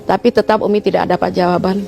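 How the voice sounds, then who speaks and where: A middle-aged woman, retelling a family story in an interview, swinging between soft murmurs and sudden loud exclamations. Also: on the low side, steady tone, quick pace, vocal fry, soft background music. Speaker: interviewed mother. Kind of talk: emotional personal storytelling.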